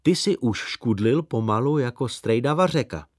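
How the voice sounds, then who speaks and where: A man voicing a kind, soft-hearted mother in an audiobook, coaxing and gently scolding. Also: medium pitch, lively intonation, dry recording, studio quality, natural voice.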